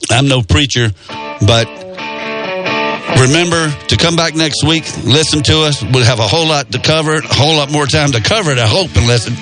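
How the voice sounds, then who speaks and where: A man's voice: fairly high pitch, music in the background. A man hosting a radio show in a studio, talking in a folksy, rambling way. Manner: folksy, rambling with many pauses. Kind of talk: casual radio talk. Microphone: studio microphone.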